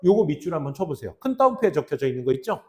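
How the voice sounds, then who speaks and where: A young adult man teaching an English reading lesson in casual speech, often dropping to low mutters and acting out students' lines. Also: very animated, very fast, dark tone. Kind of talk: classroom lecture.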